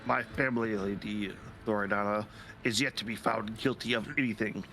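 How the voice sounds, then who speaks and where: Guy reading a proud seneschal from a game, firm and formal, bright tense tone. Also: on the low side, fairly even intonation, normal speed, creaky, faint music behind. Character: proud male seneschal defending his family.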